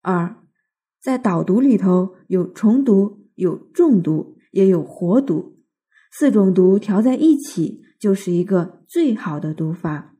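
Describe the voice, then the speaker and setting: A woman reading a scripted devotional outline in a measured, recited manner. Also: on the low side, lively intonation, mellow, slightly rough.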